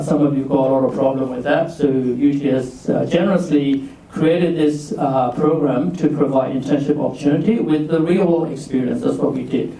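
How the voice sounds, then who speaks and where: This leadership coach, a Burmese man in his forties, gives students an informal workshop talk and asks them to put their hands up. His voice is fairly high with vocal fry and a dark tone, captured far off in an echoey room.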